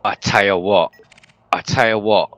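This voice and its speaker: A man's voice: on the low side, unhurried, a bit bright, no room sound. A man making wry, swearing remarks in casual voice chat during an online game. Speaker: gamer in voice chat.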